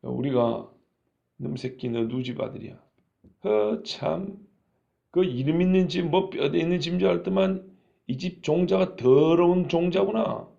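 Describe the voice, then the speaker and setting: A coarse, mocking old country villager, put on by a man preaching, spits out taunts in rough rural old-folks talk. The voice sits fairly high and very gravelly. The recording sounds muffled and lo-fi. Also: animated, moderate pace, warm tone. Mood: scornful.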